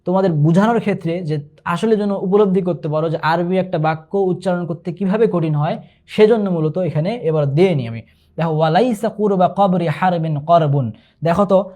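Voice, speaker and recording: A man's voice: sits high, a little mellow. Man teaching, repeating terms. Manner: explains patiently, repeats key terms and asks rhetorical questions; slows to recite Arabic examples. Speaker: instructor. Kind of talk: online exam-prep lesson.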